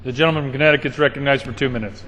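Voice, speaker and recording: Rapid-fire male presiding officer, echoey chamber. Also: mid-range voice, steady tone, a bit bright. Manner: brisk, formulaic. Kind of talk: procedural parliamentary announcements. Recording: echoey large chamber, long reverb.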